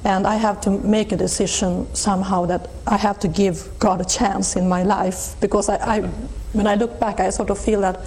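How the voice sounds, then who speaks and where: Mellow-voiced Swedish-accented middle-aged woman. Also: mid-range voice, level tone, moderate pace, hardly any pauses, a little hiss or hum, rough recording. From Sweden. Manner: thoughtful, with frequent restarts and soft laughs. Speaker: interview guest. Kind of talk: reflective personal testimony.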